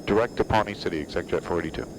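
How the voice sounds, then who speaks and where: Deep-voiced, fast male pilot on the radio. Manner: quick, procedural, thinking aloud. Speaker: home cockpit flight simulator pilot and streamer. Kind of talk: pilot over the radio mixed with muttered commentary. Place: home flight simulator cockpit. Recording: loud simulated aircraft noise behind voice. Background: loud aircraft cockpit noise.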